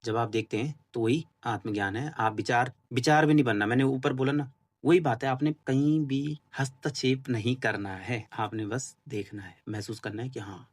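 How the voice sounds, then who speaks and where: A man's voice: medium pitch, normal speed. A man giving an informal, earnest spoken explanation, casual and repetitive, with many fillers and restarts. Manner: earnest, admits he is still learning. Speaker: spiritual talk host.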